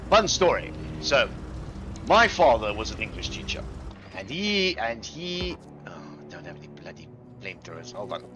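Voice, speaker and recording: A man streaming a video game, chatting casually in a playful, theatrical, mock-gentlemanly way. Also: lowish voice, big pitch swings, moderate pace, lo-fi sound, music in the background. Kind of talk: casual gaming commentary.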